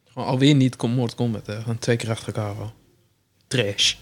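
A man's voice: medium pitch, steady tone, a little fast. A man co-hosting a podcast, chatting casually with dry, blunt remarks. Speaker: podcast co-host. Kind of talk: casual chat.

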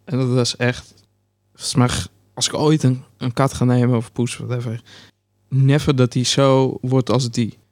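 A man joins a casual podcast chat with quick, informal asides and street slang. His voice is recorded close and dry, with very little room sound around it. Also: medium pitch, flat delivery, a little mellow, dry recording. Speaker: podcast co-host.

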